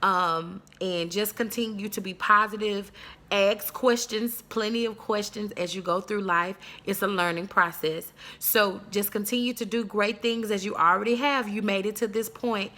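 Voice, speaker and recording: A woman teacher sends graduates an affectionate, encouraging message. Her voice is bright and forward, with her pitch in a middle range. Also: fairly even intonation, normal speed.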